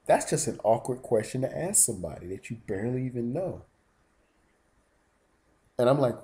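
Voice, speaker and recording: A man with a mellow, rather dark voice talks straight into his channel in a casual vlog monologue. He rambles as he tells his stories and takes an indignant, complaining tone. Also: medium pitch. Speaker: YouTube vlogger.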